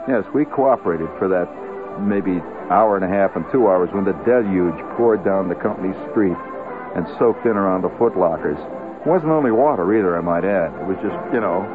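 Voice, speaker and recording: A man's voice: low voice, expressive, normal speed, music in the background. A man on the radio telling a rambling comic army story with wry asides. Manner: wry, rambling anecdotal delivery. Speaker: radio monologuist. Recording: tinny lo-fi 1970s radio broadcast.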